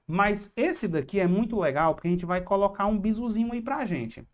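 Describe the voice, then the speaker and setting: A woman's voice: mid-range voice, animated, moderate pace. A woman giving an online exam-prep lesson, explaining step by step, asking questions and answering them herself, with chatty asides to her students.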